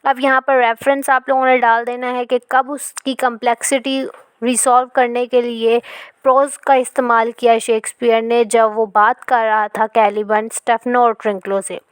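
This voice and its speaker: A woman teaching a literature lesson. She explains in Hindi, reads English passages slowly, and often checks in with "ठीक है". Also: on the high side, flat delivery, clear, resonant tone, dry recording.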